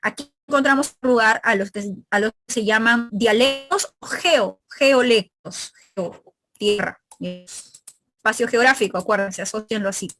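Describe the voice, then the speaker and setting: In this recorded review lecture, a woman speaks unhurriedly in a higher register with a fairly bright tone, over slight background noise. She's Peruvian with a northern coast accent, preparing students for university entry by breaking things down step by step and checking in often.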